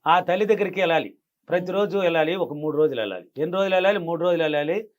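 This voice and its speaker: Fast, emphatic man giving advice. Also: a little high. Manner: emphatic, repeats key phrases. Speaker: money affirmation guest. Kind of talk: interview advice. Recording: dull lo-fi sound.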